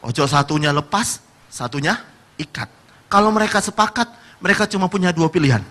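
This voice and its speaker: A high, piercingly bright male voice preaching with a lilt. He tells lively stories and slips into the voices of the people in them, dropping to quiet asides and then rising to loud declarations. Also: a little fast. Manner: animated storytelling, acting out quoted people, swinging between soft and shouted. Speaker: pastor. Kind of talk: sermon.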